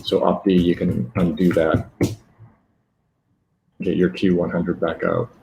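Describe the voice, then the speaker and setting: A man gives a live technical demo in a very deep voice. He stops often, filling gaps and correcting himself as he walks through the steps. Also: little pitch movement, darkish tone, a little hiss or hum, poor audio. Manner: halting, many fillers and self-corrections. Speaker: presenter.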